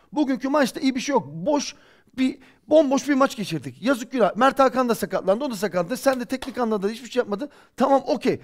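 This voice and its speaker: A man in his forties giving heated post-match football commentary, impassioned and scolding. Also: very high-pitched. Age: 40s. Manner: impassioned, ranting, rhetorical scolding. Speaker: football pundit. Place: studio.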